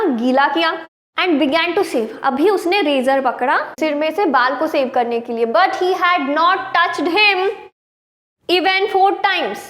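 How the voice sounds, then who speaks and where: High-voiced woman teacher explaining slowly. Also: fairly bright tone. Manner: patient, explains word meanings. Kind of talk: lesson explaining an English story in Hindi. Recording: roomy room with long reverb.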